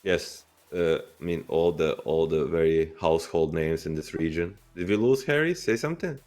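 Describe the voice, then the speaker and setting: A man with a low, deep voice analysing a live esports match. He talks in a halting way, restarting his phrases as he weighs the odds, with faint music underneath. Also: a little mellow.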